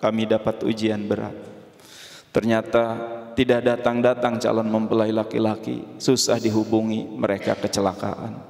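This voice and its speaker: A man's voice: fairly low pitch, flat delivery, gravelly, a little mellow, pitched below the performer's own voice. A man voicing an anxious, flustered father of a bride who pleads for help. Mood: pleading. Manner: hurried, pleading. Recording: echoey hall.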